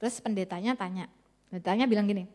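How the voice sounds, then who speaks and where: A woman's voice: medium pitch, quick pace, a little mellow, in a large hall. A middle-aged woman pastor, preaching a church sermon and acting out the voices of people in her stories. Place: church worship hall.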